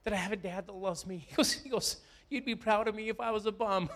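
Man preaching, loud then hushed. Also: a little fast, noisy background. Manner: swings between loud emphatic preaching and low confiding storytelling. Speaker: pastor. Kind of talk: sermon.

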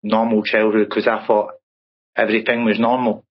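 A Glaswegian man in his fifties from Scotland tells his life story as an interview guest, chatty and often tossing in "right?". His voice is lowish with little pitch movement, at a normal speed, and the audio sounds dull.

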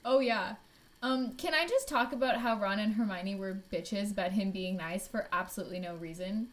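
A woman's voice: mid-range voice, normal speed. A woman co-hosting a podcast in casual chat, laughing often and teasing with exasperation. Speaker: podcast co-host.

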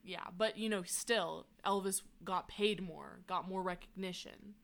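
A woman chatting casually about a movie, enthusiastic and quick to laugh. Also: mid-range voice, fairly even intonation, gravelly. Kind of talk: casual chat about a film.

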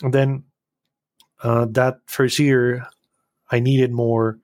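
Brief: man, guest, animated quick talker, mid pitch, dry. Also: no echo. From Costa Rica. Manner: animated, quick bursts with restarts. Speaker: podcast guest, business owner. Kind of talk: casual interview talk.

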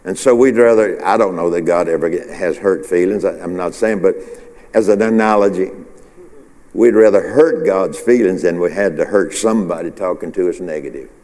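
Speaking at normal speed in a low, mellow voice, a pastor gives a chatty, informal midweek sermon in a church sanctuary. He rambles with restarts and questions the congregation in call-and-response, while long hall reverb fills the recording.

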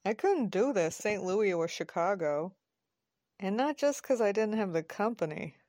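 A woman voicing an easygoing young man who is new to the city, in a relaxed, wry conversational way. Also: medium pitch, a little slow, dry recording, studio quality, close to an everyday voice.

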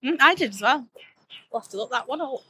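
A woman's voice: sits high, animated, fast, pushed and bright, breathy edge, low-quality recording. A woman chatting casually on an outdoor walk, teasing and blunt in an easygoing way. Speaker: co-host.

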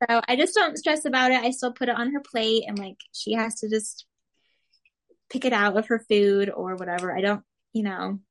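A woman from Arizona, a mother and recipe blogger, talking as an interview guest in a relaxed, rambling way with lots of "like" and light laughs. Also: on the high side, normal speed. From Arizona, USA. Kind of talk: casual interview chat.

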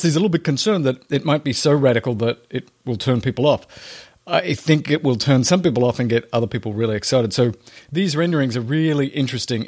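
A man's voice: medium pitch, a little mellow. A man with a mid-range voice hosts a solo news podcast. He talks casually and colloquially, adding theatrical showman flourishes and joking asides as he comments. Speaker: podcast host.

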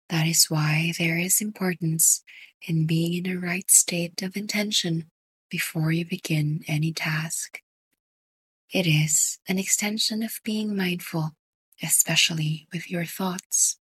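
Slow, breathy whispering woman. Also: lowish voice, no room sound. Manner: slow, soft whispered delivery. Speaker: meditation guide. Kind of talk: guided sleep meditation.

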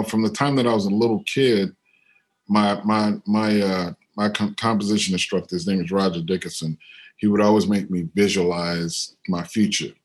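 A middle-aged man telling a story from his life on a video call. He talks easily with fillers and gets lively when he acts out other people. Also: on the low side. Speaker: interviewed musician and composer. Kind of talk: relaxed storytelling. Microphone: computer on a video call.

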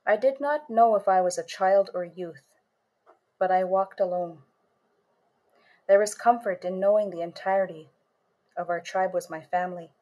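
A woman author and storyteller reads a first-person story in a measured way, lingering on its images. Her mid-range voice has a warm tone.

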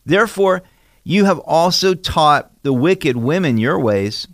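Earnest male Bible teacher, lively pitch. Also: measured pace, dry recording, studio quality. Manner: earnest, emphatic, rhetorical questions. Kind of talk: expository sermon reading and explaining scripture.

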